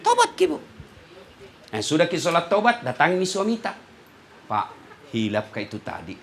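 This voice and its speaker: A man preaching a humorous sermon, acting out dialogues and swinging between shouting and soft asides. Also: a little high, huge pitch swings, moderate pace, vocal fry. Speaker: Islamic preacher. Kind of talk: lively sermon to a crowd. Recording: crowd and faint noise behind.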